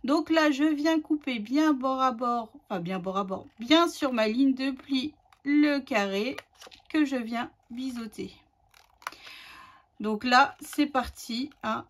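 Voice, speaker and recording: A chatty woman hosts a casual craft tutorial, her voice sitting a little high. She rambles along with plenty of fillers and restarts as she explains her steps. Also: slow.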